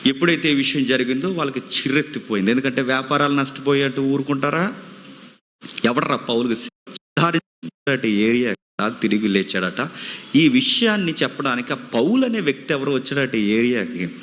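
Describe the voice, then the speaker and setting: Man, sermon, forceful bright tone, long hall echo. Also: mid-range voice, expressive, normal speed. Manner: dramatic storytelling with rhetorical questions. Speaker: preacher.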